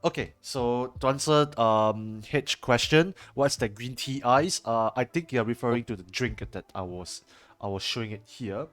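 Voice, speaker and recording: A young man with a Singaporean accent chats casually with his stream viewers, answering their chat while editing, rambling with plenty of fillers and restarts. Speaking indoors in a home room through a headset, he has a medium-pitched, slightly bright voice at a moderate pace with few pauses.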